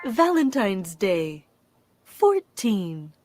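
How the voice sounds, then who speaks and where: A woman working as a bingo caller, announcing rhyming number nicknames in short, deliberate, separated calls. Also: mid-range voice, big pitch swings, dry recording. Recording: loud music behind the voice. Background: loud music.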